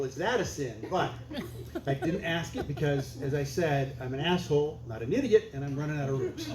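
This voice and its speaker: A man doing stand-up comedy, telling a story in a dry, conversational, punchy way. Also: fairly high pitch. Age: older. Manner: deadpan, conversational, punchy delivery. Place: comedy stage before a laughing audience. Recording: echoey club room, faint hiss.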